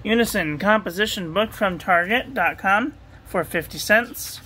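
Bright-voiced woman reviewing inks. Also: mid-range voice, measured pace, slightly rough, rough recording. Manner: steady, repetitive checklist delivery; enthusiastic over ink colors. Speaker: ink and paper reviewer. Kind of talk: casual product review voice-over.

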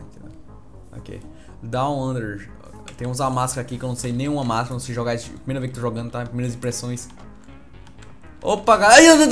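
A man with a Brazilian Portuguese accent, doing joking let's-play commentary and calling out excited greetings to his viewers. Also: medium pitch. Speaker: gaming youtuber.

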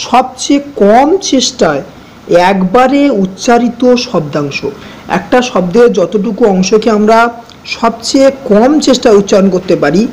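A man, teaching an English grammar lesson, speaking slowly and patiently, repeating each definition and spelling words out letter by letter. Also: high-pitched, darkish tone, low-quality recording.

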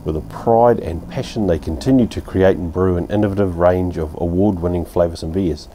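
Sitting at his outdoor home bar, a fifties-aged New Zealander gives a casual, blunt beer review that rambles along with fillers and mild cursing. He speaks a little fast in a low, dark voice, and there's slight background noise.

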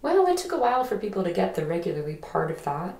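A woman's voice: fairly low pitch, very animated, fast, gravelly. An actress playing a young woman haunted by a friend's death, who speaks hesitantly and reflectively in an audio drama. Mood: earnest. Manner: hesitant, soft-spoken, reflective. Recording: roomy echo.

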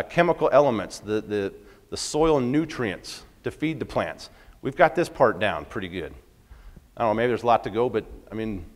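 A man, a farmer, giving a folksy conference talk and asking the audience questions. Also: medium pitch. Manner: folksy, asks the crowd questions. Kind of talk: storytelling lecture to an audience. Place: conference hall. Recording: long reverb of a large hall.

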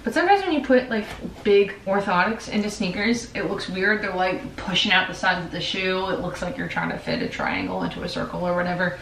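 A woman's voice: lowish voice, fairly quick, a little hiss or hum. Chatty woman in her twenties, roomy bedroom. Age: 20s. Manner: chatty, lively, upbeat. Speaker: vlogger. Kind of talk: casual chat. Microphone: far camera. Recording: roomy, from a distance.

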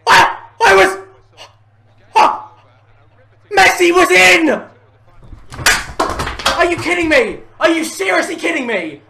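Raging at a football video game, a young adult British creator yells expletives and repeats himself in exasperation from a small furnished bedroom. His very high, expressive voice has vocal fry, and he takes it slowly with long pauses, over a noisy background with music playing.

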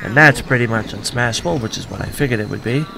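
A man's voice: medium pitch, fast, vocal fry, background noise. A man casually commenting while playing a video game, with wry, offhand asides. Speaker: let's play gamer.

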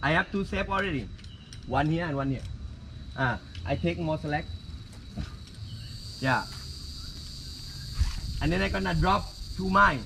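A man's voice: a little high, measured pace, gravelly, long pauses, sharp tone, a little hiss or hum, rough recording. A man with a Thai accent working as a climbing guide, giving hands-on instruction outdoors in short, fragmented phrases of simple broken English.

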